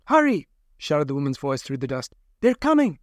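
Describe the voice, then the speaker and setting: A man voicing a woman raider with a crossbow who shouts urgent warnings in an audiobook reading. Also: mid-range voice, little pitch movement, a little fast, no room sound, studio quality, close to an everyday voice.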